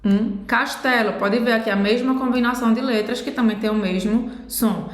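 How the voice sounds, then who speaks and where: A woman teaching a pronunciation lesson, explaining slowly and step by step. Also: fairly high pitch, fairly even intonation. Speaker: French teacher. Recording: echoey room.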